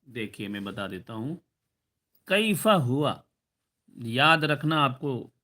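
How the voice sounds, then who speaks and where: A man's voice: mid-range voice, animated, bright, forceful tone. Patient man teaching Arabic lessons. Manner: patient, repeats "ٹھیک ہے؟" checks and slow drawn-out example phrases. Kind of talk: recorded online lesson.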